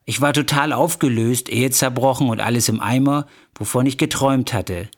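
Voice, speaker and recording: A man's voice: mid-range voice, normal speed. A man narrating a first-person memoir audiobook, reading expressively. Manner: expressive, acting out quoted dialogue.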